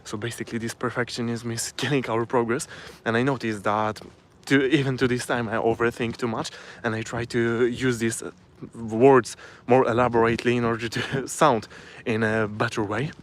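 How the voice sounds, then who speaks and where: A self-improvement vlogger, a native Polish speaker with a Polish accent, gives a casual live-stream talk from his phone. His voice is medium-pitched with little pitch movement, and he often pauses and restarts while hunting for words.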